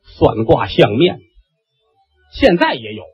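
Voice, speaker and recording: A man opening a comic monologue in a husky voice, chatting and asking rhetorical questions. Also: fairly high pitch, wildly swooping pitch, takes it slowly. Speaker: comic storyteller. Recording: dull lo-fi recording with faint music.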